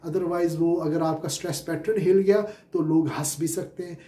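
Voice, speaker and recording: A man's voice: a little high, steady tone, normal speed, dark tone, roomy sound. A Pakistani-accented man teaching spoken English as a lecture, explaining step by step with many filler sounds and repeated questions. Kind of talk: classroom-style lecture.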